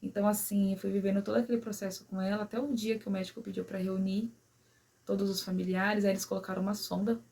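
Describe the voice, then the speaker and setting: A woman who tells a personal story to her viewers in an emotional way. She keeps adding "né?" and "sabe assim?" and drops very quiet at the sad parts. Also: medium pitch, flat delivery, quick pace, gravelly. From São Paulo, Brazil. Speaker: vlogger.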